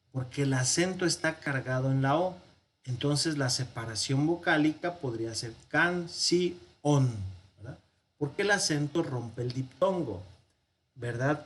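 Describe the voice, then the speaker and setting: A man with a Mexican Spanish accent teaching a language lesson, slow and patient, thinking aloud with pauses. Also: mid-range voice. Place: parish classroom or home office.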